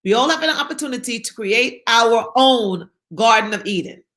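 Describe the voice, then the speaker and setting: A woman from South Carolina appears as an interview guest giving motivational talk, emphatic and encouraging, repeating her key phrases for effect. Her voice is a little high and sharp in tone, with lively intonation at a normal speed.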